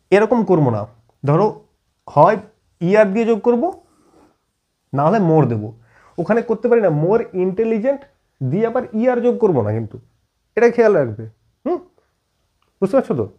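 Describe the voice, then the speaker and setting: Animated, husky-voiced male grammar teacher. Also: high-pitched, dull audio. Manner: constantly checks understanding with quick questions. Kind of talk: classroom-style video lesson.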